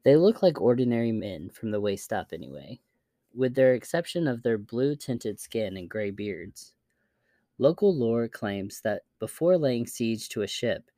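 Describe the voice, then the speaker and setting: A man hosts a podcast, narrating from written articles. His voice sits at an average pitch for a man. The sound is dry, with hardly any room around it. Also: dark tone, no echo. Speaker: podcast host. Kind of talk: scripted narration, reading articles aloud.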